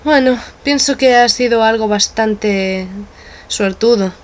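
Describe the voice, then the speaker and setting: A woman reading a game's dialogue aloud, voicing each character in turn with playful shifts in pitch. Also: slow. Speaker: let's play narrator voicing game characters. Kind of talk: dubbing game dialogue aloud.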